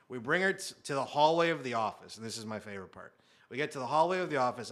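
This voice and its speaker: Bright-voiced man telling a comic story. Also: mid-range voice. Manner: animated, acts out quotes, drops to muttered asides. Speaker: guest storyteller.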